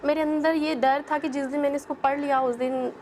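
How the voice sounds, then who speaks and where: A woman's voice: high voice, steady tone, a crowd in the background. A young woman from Pakistan, a guest telling her own story in an interview, earnest and full of "believe me". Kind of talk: personal testimony in an interview.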